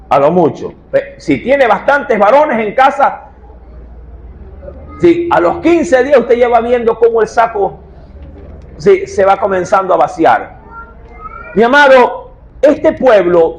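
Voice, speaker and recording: A male pastor preaching a dramatic Bible sermon, emphatic and direct with his listeners. His voice sits high for a man and leaps around in pitch. He takes his time, speaking slowly. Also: poor audio. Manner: keeps addressing listeners as "mi amado", dramatic and emphatic.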